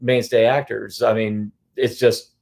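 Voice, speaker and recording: A man co-hosting a casual film discussion, rambling and animated, often restarting his sentences. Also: on the low side, unhurried, vocal fry. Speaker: podcast co-host.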